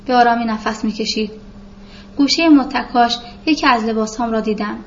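A woman reading a literary novel aloud in a calm, measured storytelling voice, on a dull lo-fi recording with faint hiss. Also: on the high side. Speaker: narrator. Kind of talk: literary audiobook narration.

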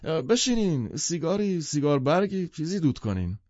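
A man's voice: on the high side, big pitch swings, darkish tone, no echo, pitched above the performer's own voice. A man doing an eager, overly hospitable host. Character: eager, anxious wealthy male host, middle-aged. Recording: dull lo-fi audiobook recording.

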